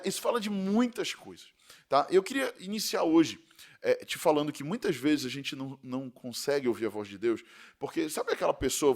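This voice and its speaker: A Brazilian man, a pastor, giving a podcast sermon in a conversational style with frequent tag questions, slowing down to stress key words. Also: medium pitch. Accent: Brazilian Portuguese.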